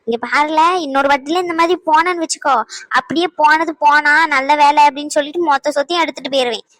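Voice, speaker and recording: A woman's voice: high voice, fairly even intonation, quick pace, fairly bright tone, dry recording. A woman playing a nagging cartoon grandmother. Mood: scolding. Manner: nagging, scolding, sarcastic. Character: scolding sharp-tongued old grandmother. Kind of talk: cartoon voice acting.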